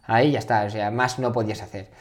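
A man's voice: on the low side, steady tone, fast. A man hosting a casual interview, recalling shared moments and asking reflective questions in a chatty way. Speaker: interviewer and host.

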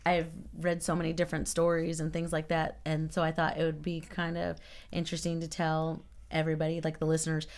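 A woman's voice: deep voice, completely flat delivery, a little fast, darkish tone. A woman co-hosting a casual podcast chat, rambling with many fillers and laughing easily. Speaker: podcast co-host.

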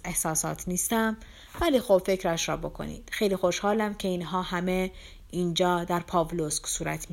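A frail young man in a storybook reading, speaking low and hushed in a rough, near-whisper, as a woman reader plays him. He talks slowly and wearily. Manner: quiet and slow. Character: gravely ill young man, weak, hoarse and ironic. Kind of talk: audiobook character reading.

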